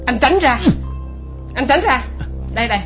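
Actress as a sharp, curt young wife, high voice, lo-fi. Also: female voice, lively intonation, normal speed, faint music behind. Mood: bitter. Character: bitter, headstrong young wife. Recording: dull lo-fi recording.

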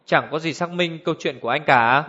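A man's voice: on the high side, fairly quick. A man doing a blunt, accusing ex-cop. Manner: forceful, accusing. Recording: dull lo-fi recording.

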